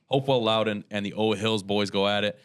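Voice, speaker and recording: A man hosting a local sports show, brisk and upbeat as he runs through the game schedule. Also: on the low side, steady tone, smooth.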